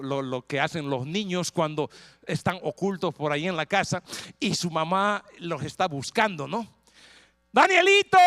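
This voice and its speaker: A man preaching a sermon as pastor, retelling a scripture story in a lively way with frequent rhetorical questions. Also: sits high, gravelly, no echo. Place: church in Texas.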